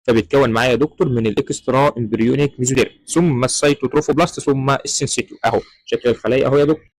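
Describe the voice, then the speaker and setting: Rapid-fire Egyptian medical lecturer. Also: male voice, medium pitch, steady tone, no echo, low-quality recording. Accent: Egyptian Arabic. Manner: keeps addressing listener as doctor, mixes English terms into Egyptian Arabic. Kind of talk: explaining embryology slides to students.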